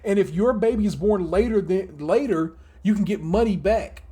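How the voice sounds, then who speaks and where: A man co-hosting a casual podcast, talking in an animated way, laughing often and swearing freely. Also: high-pitched, moderate pace, slightly rough. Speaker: podcast co-host.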